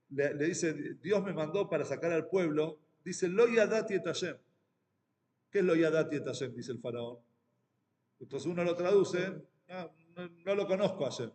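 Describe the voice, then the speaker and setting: Man, argentine accent, rabbi teaching, stop-start delivery, reverberant hall. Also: a little high. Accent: Argentine Spanish. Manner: halting, many restarts and fillers. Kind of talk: Torah class.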